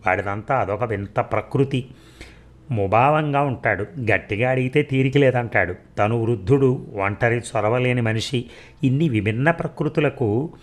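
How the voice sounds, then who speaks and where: A man narrating a short story in a measured, steady reading voice. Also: medium pitch.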